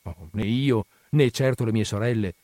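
A man reading a literary short story aloud in a measured, expressive way, lifting his voice for the characters' dialogue. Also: fairly low pitch, dry recording. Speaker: narrator.

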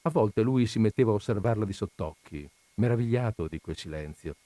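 A man narrating a classic literary story in a measured, unhurried reading, recorded close to the mic. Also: lowish voice, lively intonation, mellow, dry recording. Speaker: reader of literary stories.

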